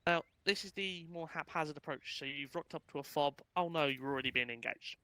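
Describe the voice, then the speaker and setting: A man's voice: on the high side, a little fast, sharp tone, dry recording, low-quality recording. A man casually briefing his gaming unit on tactics over voice chat, with lots of ums and uhs. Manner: casual, chatty, filler-heavy explaining. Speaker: unit instructor.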